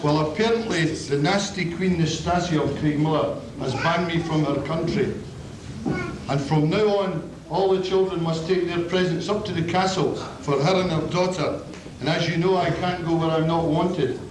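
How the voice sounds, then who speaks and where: A noisy, echoey stage recording of a man playing Santa in pantomime. He is a kindly, downhearted gift-bringer with a fairly high voice and theatrical delivery. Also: normal speed, lightly acted. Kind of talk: community pantomime stage acting. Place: on stage in a school hall. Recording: noisy, echoey 1980s school hall video.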